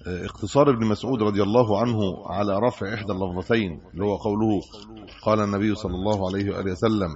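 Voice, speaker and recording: In a dull, lo-fi lecture recording, a middle-aged man with an Egyptian accent explains hadith. His voice sits on the low side, a little mellow and fairly even in intonation, and he moves very quickly, reading texts before glossing them in colloquial asides.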